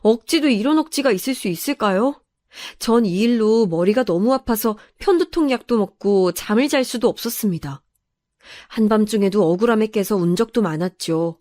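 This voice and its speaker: A woman's voice: medium pitch, animated, moderate pace, mellow, no echo, studio quality. Woman reading an aggrieved story. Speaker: narrator. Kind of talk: emotional first-person story reading.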